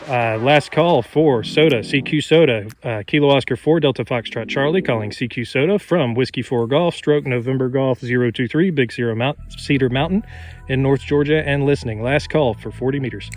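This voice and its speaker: Guy on a summit doing ham radio calls, reading out call signs in phonetic alphabet, steady clipped delivery, middle pitch. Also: moderate pace, soft background music. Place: outdoors on a mountain summit.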